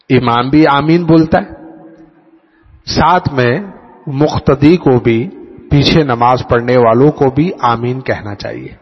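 A man's voice: a little high, breathy edge. A man, a religious teacher, who shows students how to pray, addresses them directly and drills the key points over and over. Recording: dull lo-fi sound with long hall reverb.

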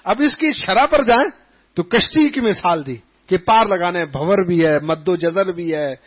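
High-voiced man preaching a story sermon. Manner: animated storytelling, acting out quoted voices. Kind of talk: Islamic sermon with anecdotes. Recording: dull lo-fi recording.

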